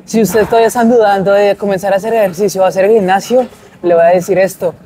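A young adult man, his voice high and warm with fairly even intonation, talks at a quick pace over slight background noise. He's a fitness vlogger chatting casually and upbeat to camera between gym sets, moving from a large indoor gym to a mall walkway.

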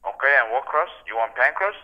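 A man's voice: medium pitch, expressive, a little fast. A man taking a pizza order over a phone line, businesslike and patiently repeating his questions. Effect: heard over a phone line.

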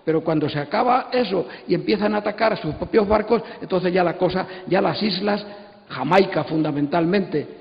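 On an auditorium stage, a panelist from Spain in his sixties speaks into a handheld microphone with a Castilian accent. His high-pitched voice has vocal fry and moves at a moderate pace while he lectures an audience informally and with animation, emphatic and digressive, repeating phrases as he goes. The audio comes through a dull, echoey hall PA.

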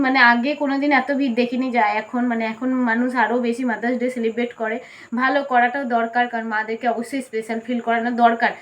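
A woman chatting casually and at length to her vlog viewers, her voice hoarse from a cold. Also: high voice. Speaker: vlogger.

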